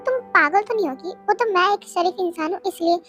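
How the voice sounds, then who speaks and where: A stern, arrogant young boss man, put on by a very high-pitched reader who scolds and orders people about in a homemade storybook reading. The voice stays high and light. Soft music plays underneath. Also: fairly quick. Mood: scolding. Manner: bossy, scolding.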